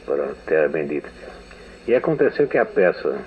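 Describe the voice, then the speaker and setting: An older writer from São Paulo state, Brazil, recalls memories in a meandering radio interview, speaking with a Brazilian Portuguese accent and often restarting sentences. His bass voice moves fairly quickly with big pitch swings. The archival testimony sounds narrow and phone-like, as in an old radio recording.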